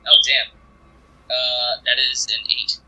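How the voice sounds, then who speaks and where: A man playing a tabletop game talks loosely, cracking jokes and cursing now and then. His voice is very bright and sits at a middle pitch for a man. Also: little pitch movement, slow pace, faint music behind, poor audio. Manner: casual, joking, swears freely. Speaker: player. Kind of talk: casual tabletop play.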